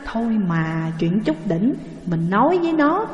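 A woman's voice: medium pitch, sing-song, measured pace, highs cut off. A patient older mother talks in a coaxing, soothing way, as a woman reader plays her. The room around the voice is echoey with a long reverb. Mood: placating. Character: calm, placating older mother.

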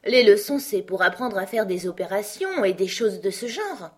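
A woman's voice: mid-range voice, lively intonation, normal speed, slightly rough, voice pushed up. A woman reading an audiobook, voicing an earnest, polite young girl who reasons things through carefully.

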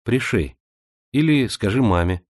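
A proud, sharp-tongued girl in a storybook, read by a male narrator in a near-natural voice. Her lines come out short and pointed. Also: lowish voice, lively intonation, unhurried. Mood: curt. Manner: curt, pointed.

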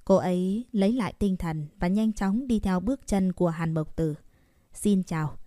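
A woman narrating a story in a steady, even reading. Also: medium pitch, moderate pace, dry recording, clean studio sound.

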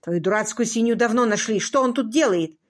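A woman's voice: a little high, a little fast, natural voice. A woman voicing a prim, imperious aristocratic lady who speaks in a haughty, exasperated, clipped way in an audiobook. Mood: indignant.

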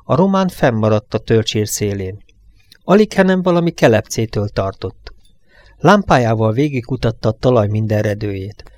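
A man narrating an audiobook in a measured, even storytelling manner. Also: fairly low pitch, no echo. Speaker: audiobook reader.

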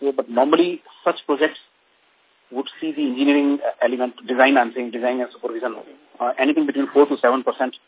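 A man with an Indian English accent, a company executive answering analysts on a conference call, speaking haltingly with many pauses. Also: medium pitch, steady tone, slightly rough, dry recording. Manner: halting, many fillers and restarts. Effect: conference call phone line. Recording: dry, tinny phone-line audio.

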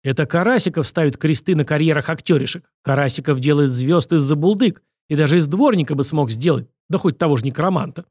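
A man's voice: a little high, brisk, few pauses, a little mellow, no room sound, studio quality, lightly acted. A man voicing a pompous, touchy film director who blusters and talks about himself in the third person. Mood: offended. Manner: blustering, refers to himself in the third person, squeals when angry. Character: pompous, touchy male film director, self-important and shrill.

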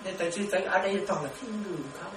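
In an echoey room picked up by a far-off mic amid noise, a Buddhist nun teaches meditation through a dharma talk. Her mid-range voice moves at a quick pace, and she stays lively, laughing a lot and questioning listeners again and again to confirm they're following.

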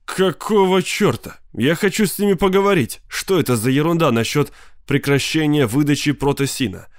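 A man's voice: mid-range voice, expressive, moderate pace, no echo, studio quality, natural voice. A man voicing an irritable, self-important husband who makes indignant demands in an audiobook. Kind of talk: audiobook character voice.

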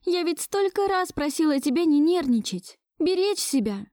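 A fussy young woman who scolds out of care, voiced by a woman reading a storybook. Her voice rides high and urgent, with a mellow tone in a dry room. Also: animated, moderate pace, no echo. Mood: fretful. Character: caring, fussy young woman, the hero's partner.

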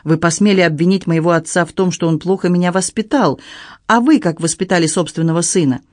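A man's voice: high voice, fast talker, dry recording, clean studio sound, natural voice. A man voicing a hurt, indignant young stepdaughter who speaks reproachfully.

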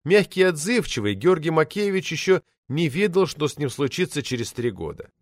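A man's voice: on the high side, very animated, brisk, no echo. A man narrating a novel in the first person, with an ironic, storytelling manner on a close studio mic. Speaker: audiobook narrator.

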